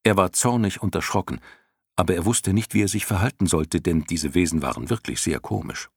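A man reading a story aloud, expressive and varied as he tells it. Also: low-pitched, fairly quick, creaky, breathy edge, no room sound. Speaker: narrator. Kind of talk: audiobook reading.

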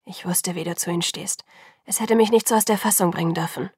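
A woman voicing a calm, guarded teenage boy who speaks in a cool, even tone. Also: lowish voice, brisk, breathy edge, dry recording, studio quality. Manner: cool, quiet, even-toned.

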